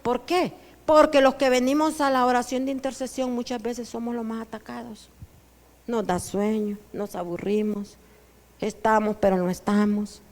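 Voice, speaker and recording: A woman pastor with a Honduran Spanish accent, preaching a sermon that swings between soft asides and loud declarations. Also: fairly high pitch, steady tone, moderate pace. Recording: church hall with long reverb.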